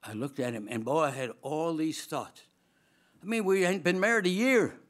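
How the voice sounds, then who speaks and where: A fairly high-pitched man speaking at normal speed, he is an older former dean with a Swedish accent giving a chapel sermon. At a lectern microphone in a large auditorium, he tells his story humorously, laughing often. He's lively and gestures broadly.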